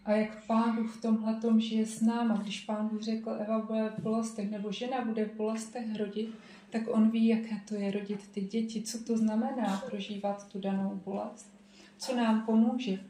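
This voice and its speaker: A woman giving a gentle, reflective sermon in a personal tone. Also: fairly high pitch, little pitch movement, reverberant. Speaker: preacher.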